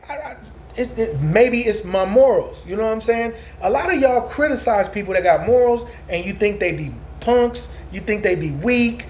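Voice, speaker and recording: A man's voice: high-pitched, a little hiss or hum. A man in his late forties telling a long, rambling story in a casual vlog, restarting sentences and asking his listeners whether they follow. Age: 40s. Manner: rambling, repeats "you know what I'm saying", frequent restarts. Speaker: vlogger.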